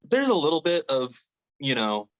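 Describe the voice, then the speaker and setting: A man's voice: on the high side, wildly swooping pitch, moderate pace, lo-fi sound. A young adult man, a metal vocalist, chatting casually in an interview, laid-back and rambling with lots of fillers and swearing.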